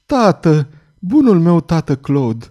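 A man's voice: on the high side, big pitch swings, mellow, pitched above the performer's own voice. A man doing a frail, frightened young girl. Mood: joyful, tearful. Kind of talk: audiobook character voice.

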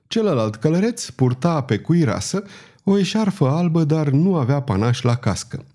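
A man narrating a historical novel as an audiobook in a measured, expressive way. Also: a little high.

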